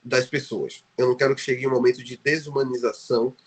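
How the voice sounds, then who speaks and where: A Brazilian guest researcher on a podcast interview speaks quickly in Brazilian-accented Portuguese, his mid-range voice keeping a fairly even intonation. There's a little hiss or hum on the recording. He's hesitant, leaning on fillers and frequent restarts.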